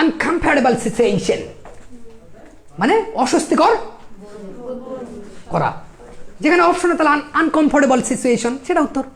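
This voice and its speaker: A woman with a Bangladeshi Bengali accent teaching English at a coaching class, firing quick rhetorical questions at her students. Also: high voice. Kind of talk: classroom lecture.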